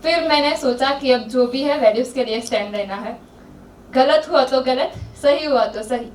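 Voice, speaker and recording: High-voiced young woman in echoey hall. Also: moderate pace, slight background noise. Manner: earnest, retelling events step by step. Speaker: volunteer sharing an experience. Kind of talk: personal story told to a group. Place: large hall. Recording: echoey hall, far from mic.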